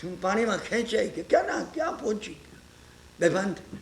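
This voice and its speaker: A man's voice: high voice, big pitch swings, quick pace, a little hiss or hum. A man giving a storytelling religious lecture, constantly checking on his listeners with rhetorical asides. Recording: echoey lecture hall.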